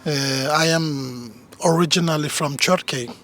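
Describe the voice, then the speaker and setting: A man of forty answering a street interview slowly and carefully. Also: a little high, a bit bright. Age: 40s. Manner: slow, careful phrasing.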